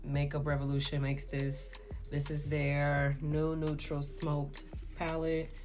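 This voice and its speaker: Casual beauty vlogger, woman, low voice, flat rambling delivery, music underneath. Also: slow. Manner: rambling, filler-heavy, self-described monotone. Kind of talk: casual makeup tutorial talk-through. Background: background music.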